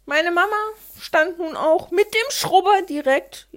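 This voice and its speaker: A woman's voice: very high voice, unhurried. A woman telling a childhood anecdote in a chatty, colloquial way. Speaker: storyteller.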